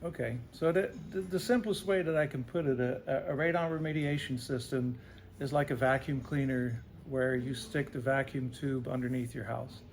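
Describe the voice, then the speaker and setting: Being interviewed about radon remediation, this man keeps his explanations simple and frequently asks "right?" to check understanding. He has a creaky, mid-range voice with fairly even intonation at a normal speed, over slight background noise.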